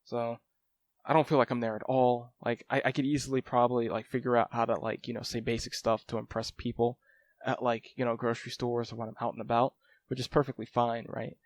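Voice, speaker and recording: Speaking to camera in a relaxed update, this English-speaking man rambles about his language learning with plenty of "like" and "um" fillers. He has a mid-range voice, a level tone, and a brisk pace.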